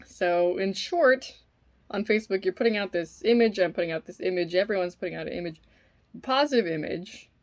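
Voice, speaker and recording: A woman chatting casually and musing in a halting, informal way while eating, sometimes with her mouth full. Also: medium pitch. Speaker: vlogger eating on camera. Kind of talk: casual rambling opinion talk while eating.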